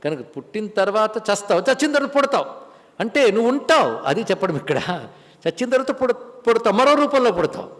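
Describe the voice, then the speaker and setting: Male spiritual teacher, fairly high voice, rhetorical questions and chanted verses, long hall reverb. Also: sing-song, brisk, fairly bright tone. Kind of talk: religious discourse on scripture.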